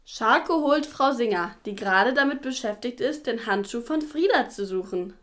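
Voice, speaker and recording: A woman narrates a children's audio drama in a calm, explanatory way. Her voice sits somewhat high. She links the scenes with plain scripted narration. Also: moderate pace.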